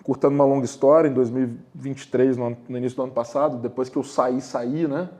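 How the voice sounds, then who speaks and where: Mellow-voiced man hosting a podcast. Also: medium pitch, fairly even intonation, quick pace. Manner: reflective, storytelling, informal with restarts. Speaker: podcast host. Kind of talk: casual podcast interview.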